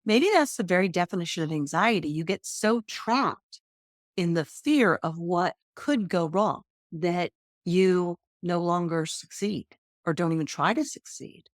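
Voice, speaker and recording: A woman's voice: unhurried, no room sound, studio quality. Chatty self-deprecating woman podcast host. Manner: chatty and self-deprecating, with lively pitch jumps. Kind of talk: personal storytelling monologue.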